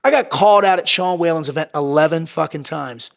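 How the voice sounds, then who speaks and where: A fairly high-pitched man talks in a blunt, fired-up way, peppering every thought with profanity and repeating lines for punch. He lurches between quick bursts and slower, drawn-out phrases, like a podcast guest laying it all out. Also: gravelly. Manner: blunt, intense and heavily profane, with emphatic repetition. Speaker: podcast guest, entrepreneur and former Navy SEAL. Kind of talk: candid podcast interview.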